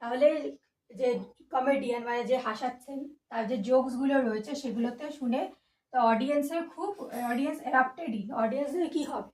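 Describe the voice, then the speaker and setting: A woman's voice: high-pitched, fairly quick. Female grammar teacher, patient step-by-step explainer, roomy echo. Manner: patient, explains step by step, mixes in English phrases. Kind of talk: exam-prep lesson explaining answers. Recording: echoey room, voice from a distance.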